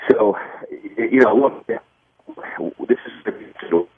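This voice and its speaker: A man, a political commentator, talking haltingly on a call whose connection is breaking up. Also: on the low side, gravelly, slightly rough. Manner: halting, repeats words. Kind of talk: radio interview over a call. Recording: thin phone-like call line.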